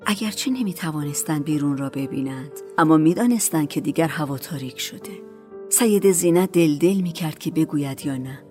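A woman narrating a storybook in a calm, measured reading voice. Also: low voice, soft background music.

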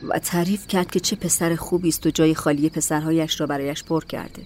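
A woman narrating a story in a calm, measured audiobook reading. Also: low-pitched, a little hiss or hum.

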